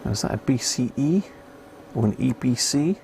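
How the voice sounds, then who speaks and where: A British hobbyist radio repairer hosts a livestream, chatting casually and thinking aloud under his breath as he works. His mid-range voice is warm, expressive and creaky at a moderate pace, with a little hiss or hum.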